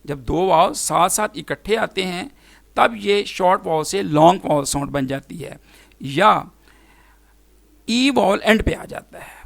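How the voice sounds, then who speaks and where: A man teaching an English phonics lesson to students, spelling words out letter by letter and then pronouncing them slowly and formally. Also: high-pitched, animated, vocal fry, a bit bright, no room sound. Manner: formal, addresses students directly.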